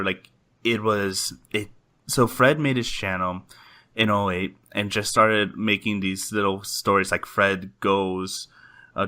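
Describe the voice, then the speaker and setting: A young man with a lowish, bright voice talks casually on a podcast, wandering through his points. He fills his speech with "like" and "um" and restarts his sentences often. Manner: rambling, heavy use of "like" and "um". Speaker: podcast host.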